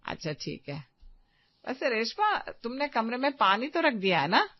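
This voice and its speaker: A caring middle-aged mother-in-law who fusses over her guests and instructs her daughter-in-law in a cartoon story, voiced by a woman. Her voice sits a bit high, and the recording is dry and slightly dull. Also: big pitch swings, moderate pace, no echo.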